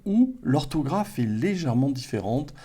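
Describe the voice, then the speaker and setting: A man with a French accent, co-hosting a language livestream, explaining calmly and checking in with his listeners. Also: medium pitch, normal speed, husky. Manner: calm and explanatory, checks in with "hein" and "d'accord". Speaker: French teacher, co-host.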